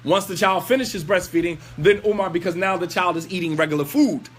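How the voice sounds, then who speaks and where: A man with a high-pitched voice preaches with force, scolding his listeners through pointed rhetorical questions. He tells the story in plain lecture style and slips in recited Arabic phrases. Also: steady tone, a little fast, slightly rough.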